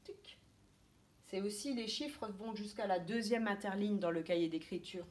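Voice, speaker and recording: A woman, a kindergarten teacher giving a slow, step-by-step handwriting lesson to young children. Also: mid-range voice, darkish tone. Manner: slow, step-by-step instructions, thinking aloud.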